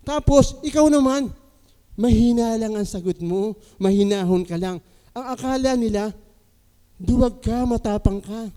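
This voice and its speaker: A man preaches a sermon, his voice high yet resonant and warm. He keeps drawing the congregation in with polite questions, and a long church hall reverb trails behind every phrase. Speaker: pastor. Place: church sanctuary.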